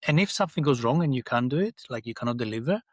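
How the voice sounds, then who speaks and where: Animated and racing in a mid-range voice, a middle-aged engineering leader from Greece speaks thoughtfully as a podcast interview guest, restarting often. There's no echo on the recording.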